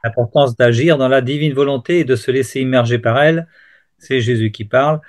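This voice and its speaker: A man reading a spiritual text aloud to a prayer group, steady and deliberate. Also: medium pitch.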